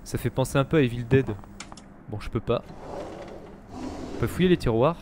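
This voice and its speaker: A man hosting a live let's-play, chatting to his viewers and reacting excitedly to the game. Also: mid-range voice, moderate pace, slight background noise. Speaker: gaming streamer, host.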